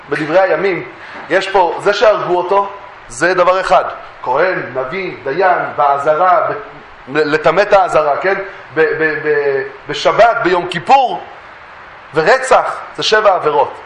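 A man giving a Torah lesson, telling stories lively and acting out the voices he quotes. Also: sits high, slight background noise. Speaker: Torah teacher. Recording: echoey room.

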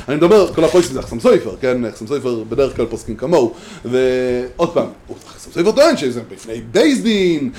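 Animated man teaching Talmudic law. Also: a little high. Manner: animated, chanting quoted texts. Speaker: Torah teacher. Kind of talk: Talmudic lecture.

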